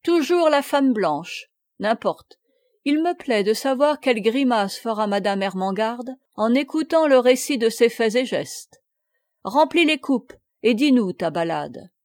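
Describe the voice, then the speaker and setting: A woman voicing a brash, mocking huguenot captain, rough-voiced and boisterous from drink, in a read-aloud story. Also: a little high, animated, unhurried, darkish tone, no echo, studio quality. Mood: scornful.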